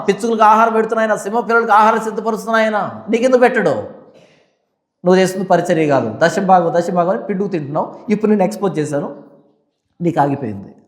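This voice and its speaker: Fiery high-voiced preacher in an echoey room. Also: male voice. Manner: fiery, rhetorical questions, scolding. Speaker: pastor. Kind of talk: Bible study sermon.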